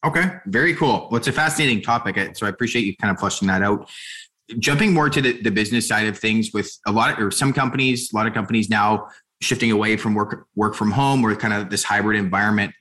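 Quick-talking male interviewer. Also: lowish voice, sharp tone. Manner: rambling questions with fillers. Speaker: interviewer host. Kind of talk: interview questions.

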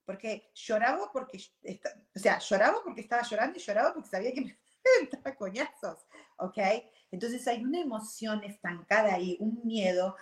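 A woman in her forties speaking candidly in a reflective personal monologue, animated and slipping English words into her talk. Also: a little high, normal speed, echoey room. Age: 40s.

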